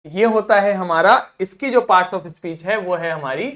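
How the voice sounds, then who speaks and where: Speaking unhurriedly in a mid-range, fairly bright voice, this teacher runs a recorded vocabulary lesson. Explanations are in Hindi sprinkled with English words and phrases read aloud, and the teacher asks and answers questions, repeats every word, and spells each one letter by letter.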